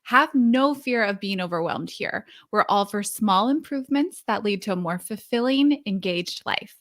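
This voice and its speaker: A woman's voice: mid-range voice, expressive, normal speed, a bit bright. A woman co-hosting a podcast in a casual, playful, teasing chat. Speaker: podcast co-host.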